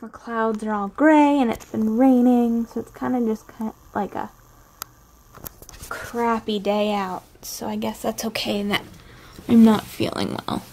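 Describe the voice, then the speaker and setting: A woman's voice: on the high side, fairly even intonation, darkish tone, low-quality recording. A young woman vlogging casually at home in an informal, rambling way, full of "like" and "kinda". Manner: informal, drawn-out asides with frequent "like" and "kinda". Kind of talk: casual daily vlog chat. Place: at home, indoors. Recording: clear background noise, home ambience.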